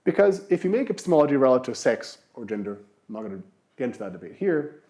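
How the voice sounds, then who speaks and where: A man's voice: medium pitch, very animated, quick pace, mellow. A man giving a university philosophy lecture, explaining with rhetorical questions and emphatic repetition. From Brazil.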